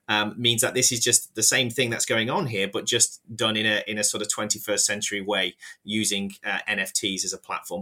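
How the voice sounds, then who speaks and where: A man's voice: fairly low pitch, pushed and bright. A man speaking as a finance expert guest on a podcast, explaining carefully and often repeating words as he hesitates.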